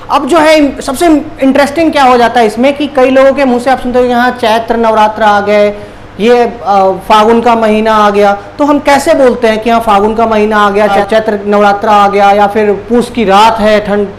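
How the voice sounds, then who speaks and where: A man's voice: very high voice, a little hiss or hum, poor audio. A man teaching a vocabulary lesson, explaining patiently and repeating each word, spelling it out letter by letter. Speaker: English teacher. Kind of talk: Hindi-language vocabulary lesson.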